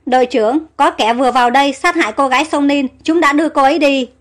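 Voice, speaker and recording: A woman's voice: high voice, fast, lightly acted. A woman voicing a proud young prince. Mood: commanding. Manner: commanding, imperious. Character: anguished young male prince, proud and commanding.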